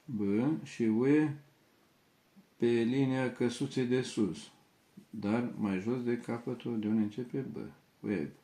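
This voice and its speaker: A man teaching a shorthand lesson, spelling out and repeating each syllable several times in a slow, dictating way. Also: mid-range voice, fairly even intonation, mellow, reverberant.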